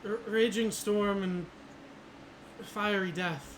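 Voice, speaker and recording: A trembling young seer, put on by a man. His speech is shaky and slightly high, and steady noise sits behind the voice. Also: moderate pace, natural voice. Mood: ominous. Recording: noisy background.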